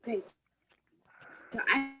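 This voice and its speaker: A woman calling into a casual chat over a connection that keeps freezing and breaking up, talking haltingly and trailing off. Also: pushed and bright, soft background music. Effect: glitching, breaking-up call audio that keeps freezing. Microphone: remote call connection. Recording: noisy, distant call line.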